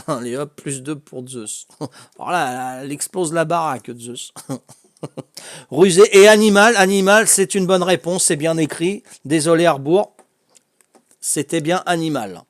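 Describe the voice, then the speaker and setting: A chatty man with a Corsican French accent runs a casual family quiz, laughing often as he goes through everyone's answers. His voice sits a little high for a man. The sound is dry and close, with almost no room echo. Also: a little slow. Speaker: quiz host.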